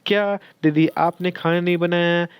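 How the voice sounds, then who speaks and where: Shy, polite young office woman, read by a male narrator; smooth, dry voice. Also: on the high side, little pitch movement, unhurried, a little mellow, no room sound.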